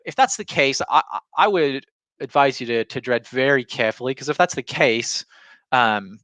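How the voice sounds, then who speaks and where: A man's voice: mid-range voice, expressive, moderate pace, fairly bright tone, no room sound. A man giving an informal explanatory talk as a business trainer, in a conversational way with illustrative examples. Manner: conversational, illustrating points with imagined quotes. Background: alarm going off.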